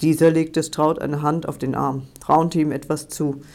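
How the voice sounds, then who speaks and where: A man reads a novel aloud in a steady narrating voice that sits a little high for a man. He gives the characters' lines with only small shifts of his voice. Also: a little slow, creaky. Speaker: audiobook narrator.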